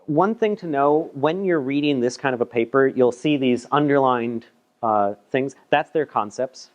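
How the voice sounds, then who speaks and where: A man's voice: medium pitch, moderate pace. A man giving a casual, chatty technical talk at a meetup, presenting a paper with self-deprecating asides and frequent repeated words. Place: meetup room.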